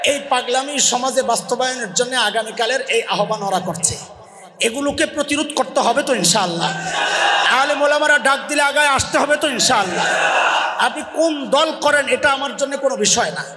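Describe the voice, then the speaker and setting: A male preacher gives a loud waz sermon. He quizzes the crowd and has them shout the answers back. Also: very high-pitched, expressive, brisk. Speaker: Islamic preacher. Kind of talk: Bengali waz sermon with call-and-response. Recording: long echoey reverb of a big space.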